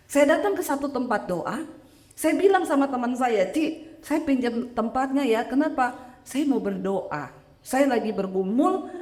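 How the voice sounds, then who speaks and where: A woman preaching a sermon with personal testimony, animated and joking with the congregation. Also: high voice. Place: church hall in Sydney. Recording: echoey hall.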